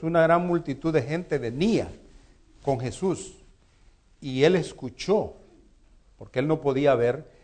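Male preacher, earnest sermon delivery, slightly high pitch. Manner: earnest preaching with rhetorical questions and swings in loudness.

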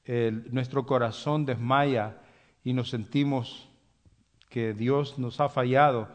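A man preaching a sermon, pausing on fillers and restarts and dropping soft at the ends of lines, by his own account a hasty person. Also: mid-range voice, steady tone. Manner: self-described hasty.

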